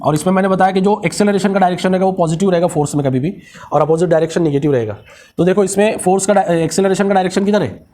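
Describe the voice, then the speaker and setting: A man with a raised, high pitch teaches physics to a class in Hindi with a Marathi-influenced accent. He drops English technical terms into his sentences. He keeps asking the students questions and then gives the answers himself. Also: racing, mellow. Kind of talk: classroom lecture.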